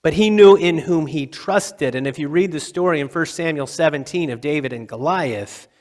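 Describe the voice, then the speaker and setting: Male pastor, slightly high voice, conversational sermon with long pauses, long hall reverb. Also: darkish tone. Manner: conversational, dramatic pauses, acts out quotes. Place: church sanctuary.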